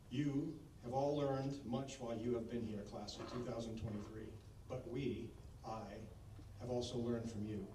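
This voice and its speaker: Male school leader, formal podium speech, measured phrasing, relaxed tone, picked up from a distance. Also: mid-range voice. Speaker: school leader addressing graduates. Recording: echoey, distant microphone, clear background noise.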